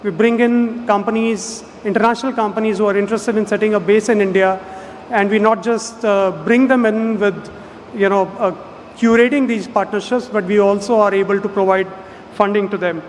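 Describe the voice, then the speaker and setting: A man with a notably high voice delivers a formal conference speech in a measured, businesslike way, pausing now and then to hesitate. His voice carries a long reverberant tail through a large hall, with a faint murmur of background noise underneath. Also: steady tone. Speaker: development bank representative speaking at an investment summit.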